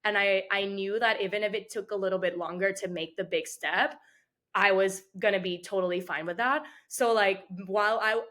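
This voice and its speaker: A woman in her twenties from Puerto Rico, a dancer answering interview questions in a chatty way, with frequent "like" fillers. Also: mid-range voice. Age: 20s. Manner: chatty, many "like" fillers, soft-spoken. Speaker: guest, dancer.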